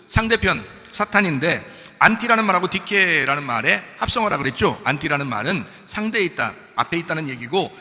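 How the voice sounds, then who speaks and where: Male pastor preaching, bright forceful voice, fairly high, bursts of loud urging then quiet asides; hall reverb. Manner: emphatic, rhetorical questions, swings between loud urging and quiet asides. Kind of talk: sermon. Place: church sanctuary.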